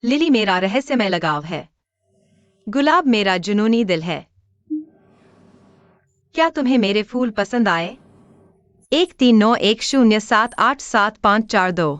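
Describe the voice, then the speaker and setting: A woman dubbing a sharp-tongued young woman in a drama who talks curtly and bluntly. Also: medium pitch, expressive, measured pace, long pauses, dry recording, close to an everyday voice. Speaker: voice actor in a Hindi dub. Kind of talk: dubbed TV drama acting.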